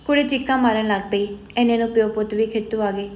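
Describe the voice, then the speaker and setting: Woman voicing a hurt, husky old village aunt. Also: fairly high pitch, fairly even intonation, fast, dull audio, natural voice. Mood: pained. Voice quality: husky, strained. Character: older village aunt, beaten, in pain, stubborn.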